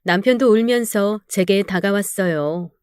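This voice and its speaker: A woman's voice: mid-range voice, measured pace, darkish tone, clear, resonant tone, dry recording, clean studio sound. A woman narrating a real-life story in the first person, with an emotional, dramatic delivery.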